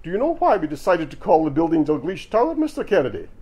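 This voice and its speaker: A man's voice: a little high, big pitch swings, quick pace, warm tone, breathy edge, voice pushed up. A man voicing a prim, posh English estate agent man in a bookshop reading. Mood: stiff.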